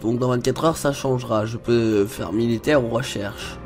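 A man's voice: mid-range voice, normal speed, music in the background. Chatty young man narrating gameplay. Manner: chatty, explains menus as he clicks, frequent fillers. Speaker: gaming video host. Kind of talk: casual let's play commentary.

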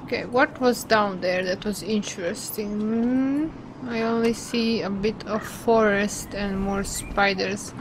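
A woman's voice: mid-range voice, steady tone, takes it slowly. A woman co-playing a survival game, chatting casually, giggling and steering the way. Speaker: co-player. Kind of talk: casual gaming chat. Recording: noisy background.

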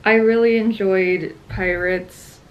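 A woman's voice: medium pitch, steady tone, slow, dull audio. A young woman in her twenties chatting casually on a travel vlog, tired and a little playful, trailing off into laughs. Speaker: travel vlogger. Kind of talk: casual chat.

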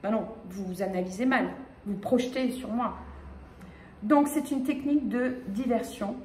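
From the Paris region, a woman in her fifties with a fairly high voice gives a lively conference talk to an audience in a small lecture room. She's animated and gesturing, using many fillers and often restarting her sentences, while the echoey room carries a faint hum of ambience.

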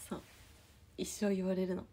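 A young woman chatting casually on a livestream just after waking, with a slightly low, husky voice that often drops to a near-whisper. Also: completely flat delivery, normal speed, warm tone. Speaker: idol livestreamer reading comments.

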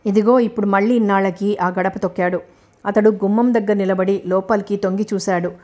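A woman's voice: medium pitch, darkish tone. Woman narrating a novel aloud. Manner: measured storytelling reading. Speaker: audiobook narrator.

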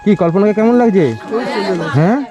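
A man's voice: high voice, fairly quick, dark tone, dull audio, soft background music. A young man interviewing villagers outdoors, coaxing and repeating his questions. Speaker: charity vlogger host. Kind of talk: casual on-location interviewing.

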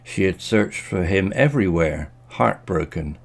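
A man narrating a children's story in a gentle, expressive storytelling manner. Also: deep voice, a little slow, creaky.

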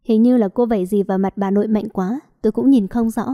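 A woman's voice: medium pitch, fairly even intonation, fast, warm tone, lightly acted. A woman voicing a frowning young husband who asks puzzled questions.

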